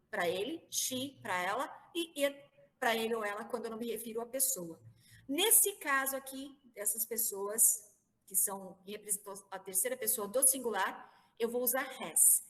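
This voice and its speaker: A woman's voice: on the high side, lively intonation, a little slow, pushed and bright, long reverb tail, rough recording. A woman from Brazil teaching English grammar in an online class, patiently spelling words out letter by letter. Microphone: video call.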